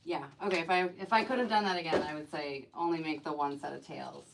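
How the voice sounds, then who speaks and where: A woman's voice: low-pitched, fast talker, vocal fry, slight background noise, poor audio. A woman chatting casually during a live stream as she designs a wreath, rambling with lots of fillers and talking to herself as she works. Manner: talks to herself while working. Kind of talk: casual live-stream chat while crafting.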